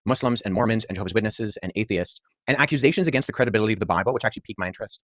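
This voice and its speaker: A man in his thirties, a historian guest in a podcast debate, speaking in an articulate, measured way with many asides. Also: lowish voice, a bit bright, no echo, studio quality. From Pakistan-born, raised abroad.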